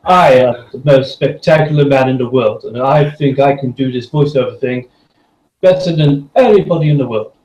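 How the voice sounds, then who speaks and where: A man's voice: medium pitch, normal speed, darkish tone, roomy sound, lightly acted, low-quality recording. A man putting on an American voice to play a boastful, self-adoring show-off. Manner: bragging, overblown confidence.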